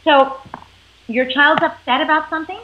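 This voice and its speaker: A woman psychologist explaining parenting as an interview guest, animated and acting out what parents and children say. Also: high-pitched, moderate pace, slight background noise. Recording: tinny phone-like line.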